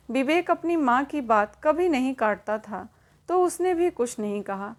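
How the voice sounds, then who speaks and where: Female storyteller, high voice, scripted narration of a family tale, reads evenly and voices the characters herself.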